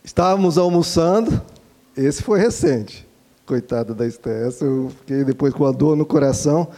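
A man with a fairly high voice gives earnest parenting advice as a father. His tone is gentle and instructive, and he speaks fondly to his listeners. His voice has a warm, mellow timbre. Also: animated, normal speed. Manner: gentle and didactic, calls listeners "dear ones".

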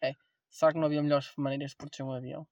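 A man's voice: a little high, flat delivery, rapid-fire, darkish tone. A young man with a European Portuguese accent, chatting casually and slangily as a podcast co-host. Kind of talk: casual chat with friends.

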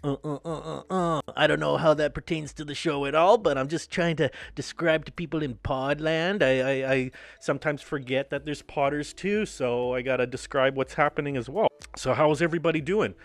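A man's voice: fairly high pitch, normal speed, gravelly, few pauses, dry recording. A man hosting a casual drinking show, rambling and swearing freely. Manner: profane, rambling and animated. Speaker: show host.

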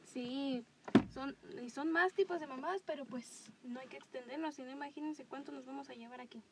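A woman chatting casually as co-host, animated and acting out quotes. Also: sits high, normal speed, creaky, background noise. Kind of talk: casual chat.

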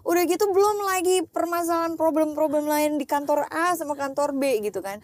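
A middle-aged woman sharing a personal testimony in a casual chat, storytelling in an animated way and slipping into English phrases. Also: high-pitched, a little fast. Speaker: guest, lay preacher.

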